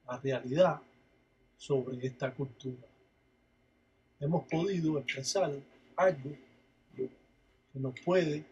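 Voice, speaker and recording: A man's voice: a little high, fairly bright tone, slight background noise. A man, a Palo Mayombe priest, giving a religious teaching narration and chanting ritual phrases with repeated refrains.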